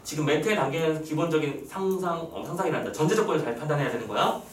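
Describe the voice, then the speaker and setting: A male teacher giving an online lesson, quizzing his students with quick rhetorical questions and acting out lines from the text. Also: fairly high pitch, lively intonation, slight background noise. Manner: reads the text's lines aloud in acted voices. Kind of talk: online lecture. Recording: roomy echo, a little far from the mic.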